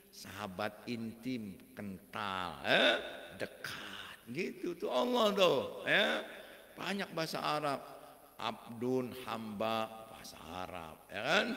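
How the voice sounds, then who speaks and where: A man's voice: mid-range voice, vocal fry, reverberant, long reverb tail. A man giving a dawn sermon on the radio, joking and acting out his students as he teaches. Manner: jokey, animated, mimics students and accents. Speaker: Islamic preacher.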